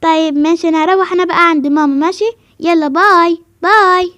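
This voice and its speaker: A woman voicing Anya, a high eager girl. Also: fairly even intonation, quick pace, fairly bright tone, dry recording, studio quality. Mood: grateful. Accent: Egyptian Arabic. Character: girl who opens a hair salon, eager, sensitive. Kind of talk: voiced game role-play.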